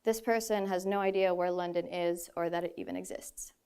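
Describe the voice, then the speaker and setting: This young woman from the Philippines, in her 20s, speaks from a stage in a large hall with a fairly low, clear, resonant voice that's a little mellow. Her prepared talk runs a little fast with fairly even intonation, earnest but sprinkled with a few light self-directed laughs.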